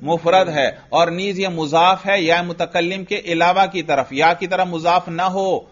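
A man gives a grammar lesson, firing short questions at his class and answering them himself. His voice sits a little high, and the recording sounds dull and lo-fi. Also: fairly even intonation. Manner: questions students and answers himself, drills step by step. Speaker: Arabic grammar teacher.

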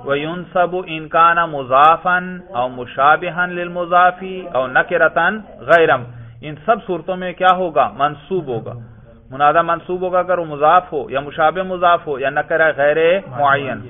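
A man teaching Arabic grammar. He reads the text, explains it line by line, and asks his listeners questions that he then answers himself. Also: a little high. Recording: tinny phone-like sound.

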